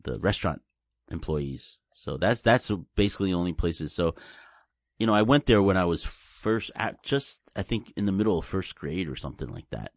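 Speaking in a deep voice, a Taiwanese blockchain company representative joins a casual interview chat as a guest. He's animated yet halting, repeating words as he keeps his explanations simple. The sound is dry and studio quality.

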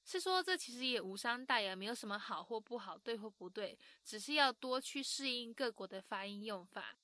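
Woman, language-lesson host, teacherly, lively, models words slowly, bright voice, dry close mic. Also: on the high side, dry recording. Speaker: language-learning show host. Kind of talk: explaining pronunciation to listeners.

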